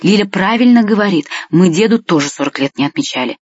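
Brief: bossy pious grandma, put on by the storyteller, higher voice, scolds and insists, dry dull sound. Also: animated, fast talker, a little mellow, slightly rough, dry recording. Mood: scolding.

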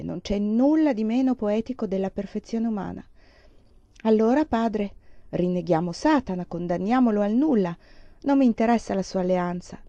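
A woman's voice: mid-range voice, dark tone, dry recording, dull audio, natural voice. A woman reading as a dying, defiant, bitterly ironic woman.

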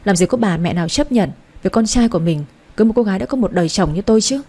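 A woman narrating a first-person romance story in a chatty, expressive way. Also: medium pitch, rapid-fire. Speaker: audiobook narrator.

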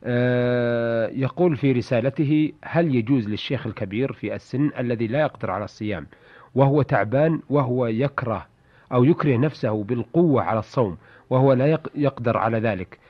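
A man's voice: medium pitch, fairly quick. A man hosting a radio programme, courteously reading out listeners' questions in formal Standard Arabic. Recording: dull lo-fi radio recording.

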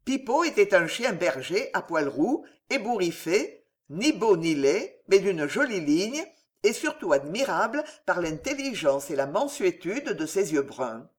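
An audiobook narrator reads a classic novel in a measured storytelling manner. The voice sits at a middle pitch, with wide-ranging, expressive intonation.

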